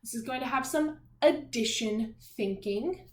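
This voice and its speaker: A woman with a somewhat high voice, speaking a bit slowly, reads a math lesson aloud to young elementary children. She's encouraging and singsong, full of questions, and the room echoes.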